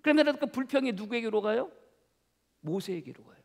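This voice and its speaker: A man's voice: very high-pitched, expressive, fairly quick, gravelly, a little mellow. A man preaching a sermon as pastor, putting rhetorical questions to the congregation. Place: church sanctuary. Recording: church hall reverb.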